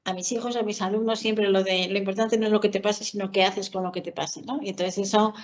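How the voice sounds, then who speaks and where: A woman's voice: mid-range voice, fairly even intonation, fast. A woman with a Spain Spanish accent, a teacher and mother moderating a webinar, working her way through a question with restarts. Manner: thinking aloud with restarts. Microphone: video call. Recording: dull video-call audio.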